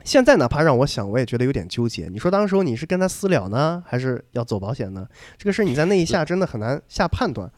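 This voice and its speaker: A young man talks fast in a relaxed chat, spinning a story for his co-hosts. He slips into the voices of the people in it and often doubles back on his words. The sound is close and dry, with no room around him. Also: mid-range voice, dry recording. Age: young adult. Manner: lively anecdote telling, acting out dialogue, repeats words. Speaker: podcast co-host.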